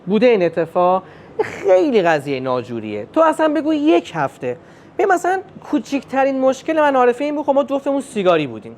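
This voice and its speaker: A young man performing a stand-up comedy routine, telling family stories and acting out the dialogue in an animated way. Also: extremely high pitch, slight background noise. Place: comedy club stage with live audience.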